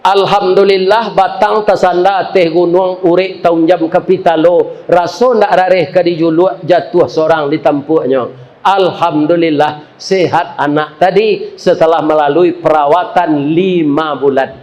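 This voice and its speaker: A Minangkabau-accented man preaching a sermon, telling a story and joking with the congregation in a lively way. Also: a little high, a little slow, poor audio.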